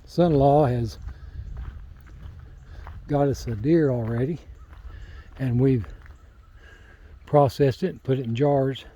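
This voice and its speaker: A man's voice: medium pitch, takes it slowly, long pauses, dark tone, low-quality recording. An older man chatting in a rambling, folksy way while walking a rural hillside, then reading scripture aloud, recorded on a handheld phone. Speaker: lay Bible teacher.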